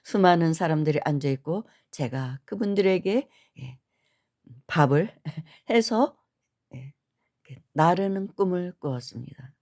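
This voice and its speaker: Lively middle-aged woman telling a story. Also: deep voice, measured pace. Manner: earnest, frequent affirming "yes". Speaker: spiritual storyteller. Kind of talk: personal storytelling.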